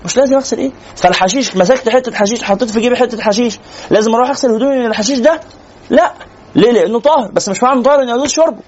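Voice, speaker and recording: A man with an Egyptian accent giving a religious lecture in a conversational, animated way, teasing and asking rhetorical questions. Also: very high voice, racing, muffled recording, a little hiss or hum. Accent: Egyptian Arabic. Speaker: sheikh lecturer.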